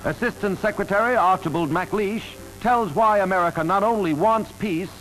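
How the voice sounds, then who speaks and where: A man narrating an old 1940s wartime newsreel in a brisk, emphatic announcer delivery. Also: high-pitched, rough recording. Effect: old newsreel soundtrack. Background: loud music score.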